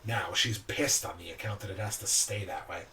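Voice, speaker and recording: A man co-hosting a podcast, casually chatting about his tabletop game characters in a relaxed, explanatory way. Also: sits low, a little fast. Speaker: podcast co-host. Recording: distant mic with faint background noise.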